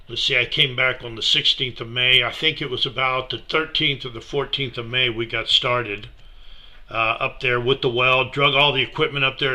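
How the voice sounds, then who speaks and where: A middle-aged man giving a relaxed, unhurried slideshow talk about a mission project, with many fillers. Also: mid-range voice. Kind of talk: casual slideshow presentation.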